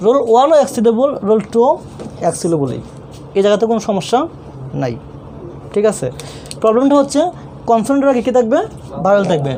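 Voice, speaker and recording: In an online class, a high-voiced man with a Bangladeshi Bengali accent walks through grammar rules in a warm, mellow tone. Patient and repetitive, he keeps asking questions only to answer them himself, and traffic noise murmurs faintly behind him.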